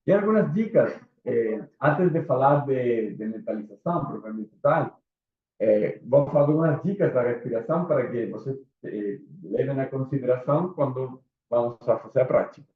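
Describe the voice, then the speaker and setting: A Chilean man with a Chilean Spanish accent teaches in Portuguese, delivering a casual live lecture and quizzing his small audience. His voice is medium-pitched and animated at a moderate pace. The room echoes and the sound is phone-like.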